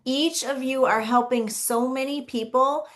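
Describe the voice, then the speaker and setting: A woman's voice: high voice, steady tone, measured pace. A woman hosting a casual video call chat, enthusiastic and full of gushing praise. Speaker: host.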